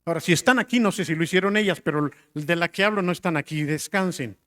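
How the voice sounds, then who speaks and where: Middle-aged pastor guy preaching, kinda high voice, gets loud then drops real quiet, lots of questions at the crowd. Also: quick pace. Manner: swings between loud emphatic lines and quiet drops; rhetorical questions to the congregation. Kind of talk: sermon.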